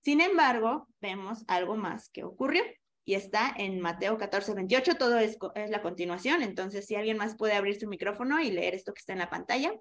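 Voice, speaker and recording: A woman's voice: medium pitch, brisk, hardly any pauses. A woman leading an online women's Bible study, teaching with animation and asking her listeners questions over a video call.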